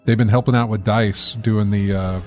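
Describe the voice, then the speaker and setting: A man's voice: on the low side, fairly even intonation, normal speed, darkish tone, faint music behind. A man hosting a casual gaming podcast, rambling and correcting himself with lots of fillers. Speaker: podcast host.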